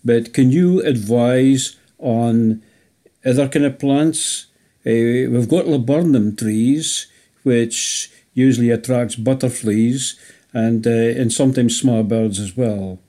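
A man's voice: mid-range voice, takes it slowly, dark tone. A man with a Scottish accent asking a question as a radio listener in a recorded message. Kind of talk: unhurried spoken question.

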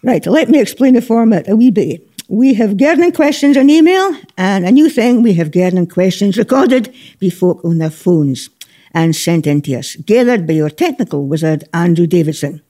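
Mellow woman radio host, broad Scottish accent. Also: mid-range voice, expressive, normal speed. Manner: Scots dialect words, bantering. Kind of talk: chatty gardening programme presenting.

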